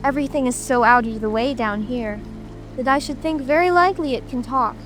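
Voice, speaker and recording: Woman playing Alice, a high-voiced, polite little storybook girl. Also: fairly quick, fairly bright tone. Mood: curious. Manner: earnest, apologetic, eager. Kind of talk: dramatic audiobook character reading. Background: music, rain ambience.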